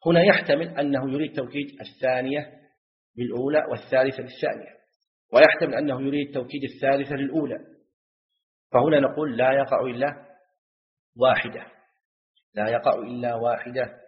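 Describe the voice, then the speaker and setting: A man's voice: mid-range voice, fairly even intonation, quick pace, pauses often. A man, teaching Islamic jurisprudence in a lesson. He repeats key phrases and keeps asking his students questions. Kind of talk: classroom lesson explaining a legal text. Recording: dull lo-fi lecture recording.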